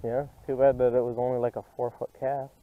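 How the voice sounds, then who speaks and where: A young man fishing at a pond bank, teasing his friend and calling out excitedly when fish bite. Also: medium pitch, quick pace. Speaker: fishing vlogger. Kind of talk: excited outdoor commentary. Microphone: head-mounted action camera. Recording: tinny lo-fi camera audio with wind noise.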